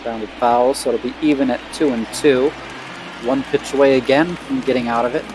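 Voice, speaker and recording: A man giving relaxed, chatty play-by-play of a baseball game, in a casual and self-deprecating way. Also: medium pitch, moderate pace, noisy background. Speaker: play-by-play commentator.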